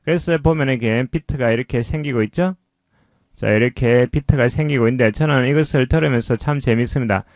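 A man's voice: medium pitch, darkish tone, dry recording. Man, pronunciation teacher, patient explanations, dry recording. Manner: patient, explains slowly and repeats phrases. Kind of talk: explanatory lesson narration.

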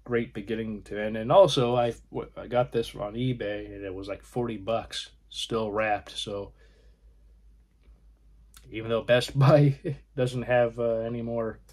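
A man hosting his own film channel, casually showing his disc collection in halting, rambling talk with frequent pauses. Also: fairly low pitch, fairly even intonation, darkish tone. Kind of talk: casual video collection review.

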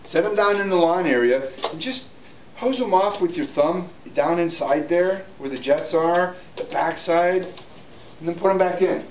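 This is a hot tub store owner in his forties, high-voiced and a little slow, giving an easygoing, upbeat how-to demo while he walks and gestures. There's a little hiss or hum. He's in a large indoor spa showroom, recorded from a distance by a tripod camera's mic, so the sound is roomy.

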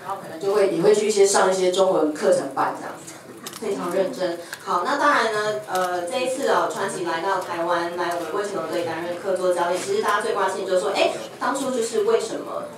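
A woman's voice: mid-range voice, moderate pace, far from the mic. A woman hosting a fan event and interpreting for the guest, talking in an upbeat way to the crowd. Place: bookstore event floor. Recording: echoey event hall, mic heard from afar, crowd noise. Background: crowd of fans.

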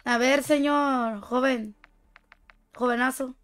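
High-voiced Mexican woman streamer. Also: fairly even intonation, slow, a bit bright, faint music behind. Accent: Mexican Spanish. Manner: playful, teasing, boastful banter. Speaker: game streamer. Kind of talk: casual gaming stream chat.

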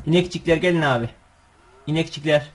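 A man hosting his gaming channel, giving chatty, excitable gameplay commentary full of coaxing calls and slangy asides. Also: a little high, fairly quick, slightly rough.

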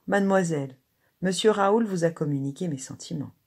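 A woman's voice: fairly low pitch, brisk, vocal fry, darkish tone, slightly rough. A woman voicing a timid, tipsy old male Latin tutor, stammering and hesitant as she reads the story aloud. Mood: pleading. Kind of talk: dramatized story reading.

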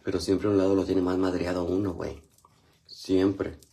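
Chatty Mexican man with low voice. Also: little pitch movement, normal speed, mellow. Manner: chatty, slangy, greets viewers by name while doing a skincare routine. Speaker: livestream host. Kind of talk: casual livestream chat.

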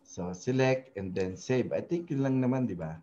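A man's voice: medium pitch, expressive, normal speed, dark tone, highs cut off. A man hosting a casual web design tutorial, talking hesitantly with many fillers and tag questions. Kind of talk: casual screen-share tutorial in mixed Tagalog and English.

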